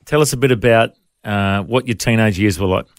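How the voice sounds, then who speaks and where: A man's voice: on the low side, fairly quick, no room sound, clean studio sound. A man with an Australian accent hosting a conversational interview. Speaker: interview show host.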